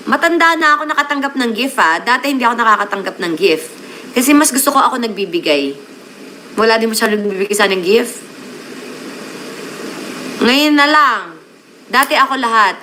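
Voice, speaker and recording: A woman's voice: medium pitch, pushed and bright, slight background noise, rough recording. A woman hosting a casual live stream, chatting with her viewers and mixing English words into her Tagalog.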